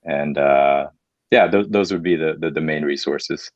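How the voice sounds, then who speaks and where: Low voiced guy talking casually, lots of ums, kinda muffled dry sound. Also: unhurried, no echo. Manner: hesitant, lots of ums and restarts. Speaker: company guest. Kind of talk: casual interview answer.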